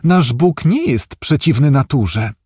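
A man voicing a pious young woman who reads minds, speaking softly, sweetly and slowly in a raised voice. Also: on the high side, very animated, slightly rough, no echo, clean studio sound, exaggerated voice. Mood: serene, gentle. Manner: soft, sweet and unhurried. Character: pious young woman, gentle, mind-reading.

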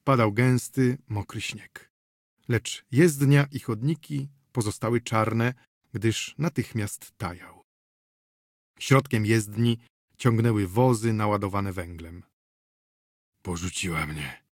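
A man narrating an audiobook in a steady reading voice. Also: lowish voice, takes it slowly, dry recording, studio quality.

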